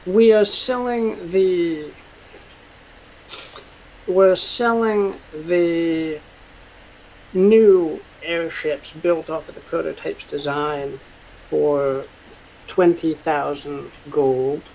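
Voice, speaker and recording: Slow, hesitant man running a tabletop game. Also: a little high, steady tone, vocal fry, darkish tone, a little hiss or hum, low-quality recording. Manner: halting, hesitant, searching for words. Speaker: game master. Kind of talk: improvised tabletop game narration and dialogue.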